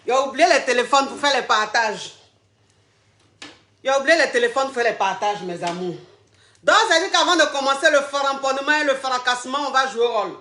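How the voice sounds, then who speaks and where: Exuberant high-voiced woman, echoey room. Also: pushed and bright. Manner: exuberant, teasing, drawn-out emphatic delivery. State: out of breath. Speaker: online coach, live streamer. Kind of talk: casual live stream chat to viewers.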